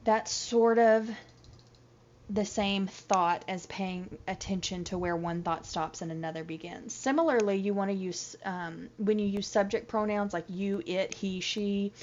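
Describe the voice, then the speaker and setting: A woman's voice: mid-range voice, measured pace, darkish tone, slight background noise. Woman teacher, chatty recorded lecture, muffled lo-fi audio. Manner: chatty, explains step by step with examples. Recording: dull lo-fi audio.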